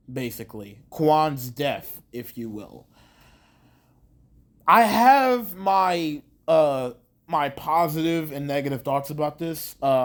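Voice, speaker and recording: A man talking through his thoughts on a show in a casual, rambling way, with many fillers and restarts and some casual swearing. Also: fairly high pitch. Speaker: show reviewer. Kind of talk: casual video review.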